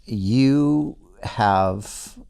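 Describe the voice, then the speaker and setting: A man hosting as a pastor, relaxed and understated, with dry humor in casual conversation. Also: mid-range voice, drawn-out words, creaky, clear, resonant tone. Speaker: pastor and show host. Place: studio.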